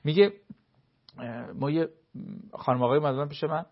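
A man's voice: a little high, dull audio. A man giving advice on a talk show, explaining his points with everyday examples and short acted-out dialogues.

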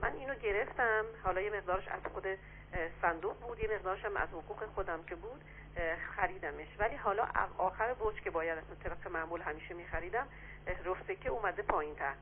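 A woman calling in to a radio show, asking questions hesitantly with many pauses and fillers. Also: mid-range voice. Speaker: caller. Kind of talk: phone call-in question. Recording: tinny phone line with faint noise.

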